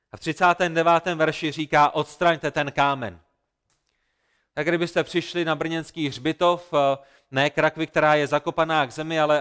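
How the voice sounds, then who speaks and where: Man, sermon preaching, earnest and emphatic, smooth clear voice, somewhat high-pitched. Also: fairly bright tone. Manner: earnest preaching, retelling scripture with emphatic repetition. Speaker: pastor.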